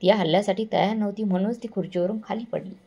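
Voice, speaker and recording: A woman's voice: mid-range voice, steady tone, rapid-fire, vocal fry, mellow, breathy edge, dull audio. A woman narrating a first-person moral story in an earnest, somber way, sometimes correcting herself.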